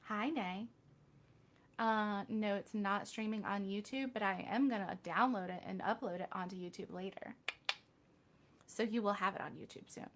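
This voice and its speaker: A woman's voice: mid-range voice, steady tone, normal speed, slight background noise. A woman hosting a casual live Q&A stream, talking candidly with chatty, self-deprecating asides. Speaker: reiki healer hosting a live Q&A.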